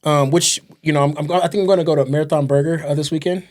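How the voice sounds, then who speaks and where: Man, podcast co-host, from the US West Coast, slightly high voice, jokey, rambly, filler-heavy. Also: fairly even intonation, fast, darkish tone. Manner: joking, rambling with many fillers. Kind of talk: casual podcast chat.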